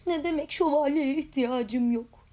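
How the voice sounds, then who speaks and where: A woman's voice: sits high, a little slow, pitched above the performer's own voice. Storybook role: tiny, brave, boastful frog knight, raised and blustering; a woman reader voices him. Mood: self-pitying. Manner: blustering, shouting threats.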